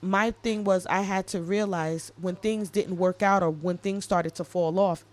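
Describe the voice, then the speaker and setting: Woman in her thirties, podcast co-host, casual chat, animated and joking, heartfelt. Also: medium pitch, unhurried. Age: 30s.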